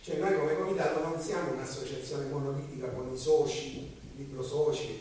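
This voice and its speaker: A man hoarse with a cold, speaking haltingly as a committee spokesman explaining things at a public meeting. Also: on the high side, darkish tone. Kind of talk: semi-improvised public meeting speech. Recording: very echoey room, distant mic, faint hiss.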